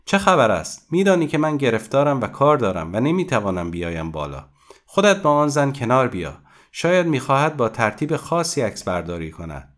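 A man reading a story aloud and voicing a busy, irritable crook in glasses with a loud, hoarse voice. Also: fairly high pitch, sing-song, hardly any pauses, pitched above the performer's own voice. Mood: irritated.

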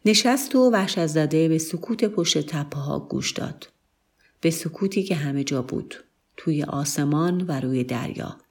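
Low voiced woman reading a story aloud, calm and measured. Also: slightly rough. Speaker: narrator.

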